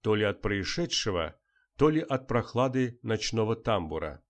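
A man narrating an audiobook in an even, unhurried manner. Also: on the low side.

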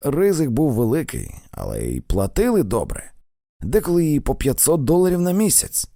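A man's voice: fairly high pitch, wildly swooping pitch, normal speed, vocal fry, mellow, no room sound, studio quality, exaggerated voice. A man reading an audiobook, voicing a male railroad engineer who tells of his adventures and keeps bragging about his luck. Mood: boastful. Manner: storytelling, boastful of his luck.

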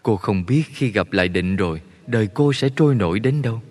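A man narrating a story in a steady, measured way. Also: fairly low pitch. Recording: long reverb.

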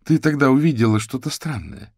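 Guy doing a calm lady therapist, voice nudged up a bit, gravelly. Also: mid-range voice, fairly quick, no echo, studio quality, voice pushed up. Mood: evasive. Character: composed adult woman therapist, calm and evasive.

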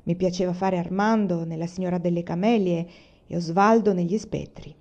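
A woman's voice: lowish voice, steady tone, normal speed, warm tone. A woman reading the part of a down-and-out male tragic actor, humble and theatrical, in a lo-fi recording.

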